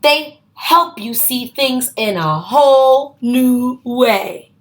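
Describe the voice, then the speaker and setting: Woman voicing a slow, friendly storybook cat. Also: a little high, expressive. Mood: helpful. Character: friendly, helpful laid-back cartoon cat in a storybook.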